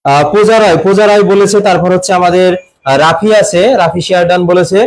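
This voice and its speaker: High-voiced Bangladeshi man teaching a class. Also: steady tone, fast. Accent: Bangladeshi Bengali. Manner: drills students with repeated questions and answers, reads out commenters' names. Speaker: admission coaching teacher. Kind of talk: live online exam-prep class.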